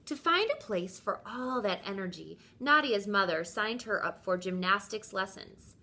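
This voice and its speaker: A woman with a mid-range voice reads a children's picture book aloud the way a teacher would, putting expressive, deliberate emphasis on the storytelling.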